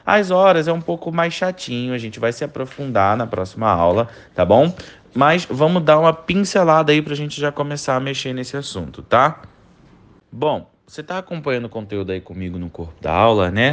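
A man teaching an online language lesson, drilling words slowly for the learner to repeat and checking in often with short questions. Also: mid-range voice, animated. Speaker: English teacher.

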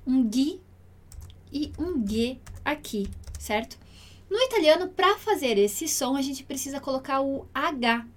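A Brazilian woman with a high voice leads an online Italian lesson. She speaks patiently and clearly, slowing down to repeat each word for pronunciation. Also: expressive. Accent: Brazilian Portuguese. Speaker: Italian teacher.

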